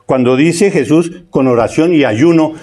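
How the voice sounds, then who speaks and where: Man, sermon, reads scripture slowly, asks "¿sí?" often. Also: fairly high pitch, a little mellow. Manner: conversational preaching with frequent "¿sí?" checks and word repetitions; reads scripture aloud, stretching key phrases slowly. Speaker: preacher.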